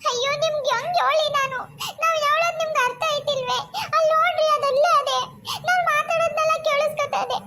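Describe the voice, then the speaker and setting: A woman's voice: very high voice, steady tone, fast talker, sharp tone, slight background noise. A woman voicing a frightened young pregnant wife in a cartoon, who pleads frantically. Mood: frantic pleading.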